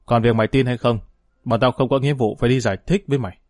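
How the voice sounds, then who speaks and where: A man's voice: mid-range voice, fairly even intonation, very fast, darkish tone, no echo, clean studio sound, close to an everyday voice. A man voicing a harsh, scornful young fighter in a storybook reading. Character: tough young male fighter, contemptuous and cruel.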